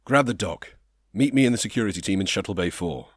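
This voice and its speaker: A curt, stern starship commander. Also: male voice, fairly low pitch, lively intonation, fast talker, slightly rough, no echo, clean studio sound. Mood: commanding. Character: stern stone-faced male starship commander.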